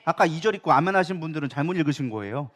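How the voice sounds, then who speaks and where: Fast, animated Korean pastor. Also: male voice, a little high. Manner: animated, acts out quoted complaints in a raised voice. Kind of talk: lively sermon.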